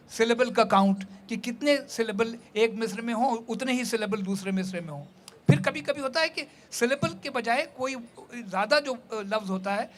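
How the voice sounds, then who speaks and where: High-voiced man explaining poetry rules. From India. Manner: animated, switches between Hindi-Urdu and English, explains with jokes. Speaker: poet and festival speaker. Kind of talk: lecturing live talk. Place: festival stage before an audience.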